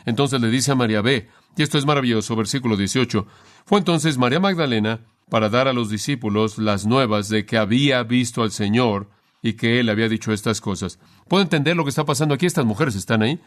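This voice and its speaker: Male preacher, mid-pitched voice, expressive storytelling sermon. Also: fast talker. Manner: animated storytelling with rhetorical questions. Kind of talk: expository sermon.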